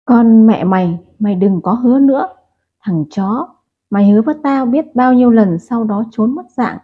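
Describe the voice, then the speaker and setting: A brutal loan-shark gang boss, crude and abusive, spitting threats, as a woman reads him out. The voice sits a little high and sounds husky. It comes through tinny, phone-like audio. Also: animated, normal speed. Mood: menacing.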